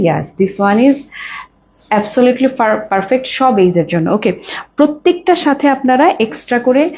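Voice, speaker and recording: A woman with a Bangladeshi Bengali accent and a hoarse voice, pitching saris in an effusive live sales stream. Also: a little mellow. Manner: effusive, mixes English phrases. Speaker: live-stream saree seller. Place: clothing showroom. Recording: dull lo-fi live stream with faint noise.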